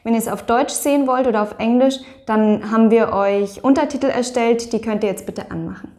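A woman's voice: on the high side, moderate pace, warm tone. Friendly woman from Germany, vlog co-host. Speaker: co-host of a couple's channel. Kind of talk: casual vlog intro.

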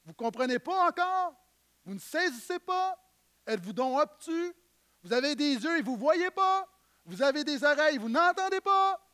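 A very high, exasperated Jesus, as a preacher puts him on, firing question after question at his slow disciples. The pitch climbs higher with each demand. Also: big pitch swings, bright, forceful tone, heavily acted. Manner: rapid-fire rhetorical questions, rising exasperation.

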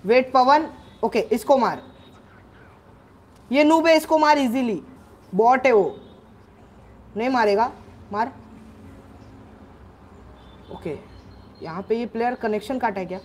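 A man hosting a gaming channel, giving live gameplay commentary on his own microphone, excitedly shouting orders at his teammates. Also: extremely high pitch, slow, long pauses, a little hiss or hum.

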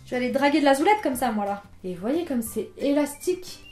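A woman's voice: sits high, expressive, fairly quick, a little mellow, roomy sound, soft background music. A young woman from France chatting casually through a clothing try-on haul, jokey and self-mocking. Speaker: fashion YouTuber. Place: room indoors under artificial lights.

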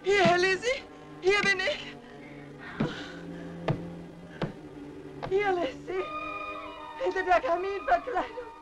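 A woman's voice: extremely high pitch, fairly even intonation, a little slow, over music. A woman playing a trapped, frightened middle-aged lady in a dubbed vintage thriller, wheezy and short of breath. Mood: desperate, suffocating.

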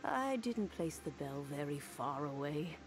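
A woman playing a kindly, frail old granny in a video game, talking in an elderly singsong with gentle wry humour. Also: low voice, big pitch swings, over music, heavily acted. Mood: gentle, amused. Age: older. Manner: elderly singsong, slow and unhurried. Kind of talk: video game character acting.

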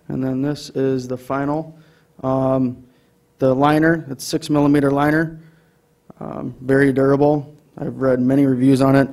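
A man's voice: mid-range voice, creaky, a little mellow. A man with an Upper Midwest American accent presenting an item to a city council, with many ums and restarts. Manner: hesitant, many fillers. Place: council chamber.

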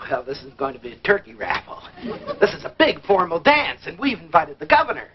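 Glad-handing lodge chairman: American, self-important, high and animated, vintage radio comedy sound. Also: a little fast. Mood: defensive. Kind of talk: mid-century American radio comedy acting. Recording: dull, faintly noisy vintage radio recording.

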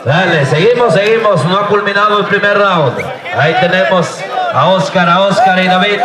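A man's voice: high-pitched, moderate pace. A Mexican man working as a ring announcer in lucha libre style, calling the action live with showman catchphrases and rallying the crowd for applause. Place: outdoor rodeo ring before a packed crowd. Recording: echoing PA, distant, loud outdoor crowd noise.

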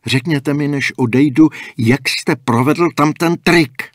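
A man's voice: on the high side, no echo, studio quality, voice pushed up, close to an everyday voice. A man voicing an impatient young male athlete in an audiobook, talking in a raised, exasperated and demanding way. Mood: irritated, impatient.

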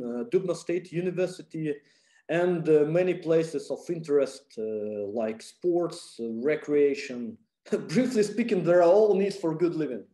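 A man with a Russian accent gives a popular science lecture in a somewhat high, mellow voice. He speaks haltingly, with many fillers and restarts. The room adds a noticeable echo. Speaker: physicist lecturer. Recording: echoey room.

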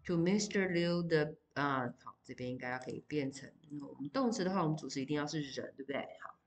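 A woman with a low-pitched voice teaches English vocabulary to high school students. She explains each word patiently in Mandarin, then reads the English example sentences slowly and deliberately. She checks in with the class often as she goes. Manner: addresses students directly with fillers like 好 and 哦. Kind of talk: recorded vocabulary lesson.

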